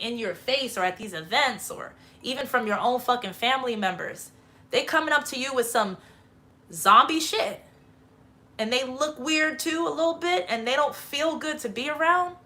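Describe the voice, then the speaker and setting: A woman's voice: on the high side, sharp tone. A woman hosting a livestream, giving a rambling spiritual monologue full of swearing and emphatic bursts. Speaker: livestream host.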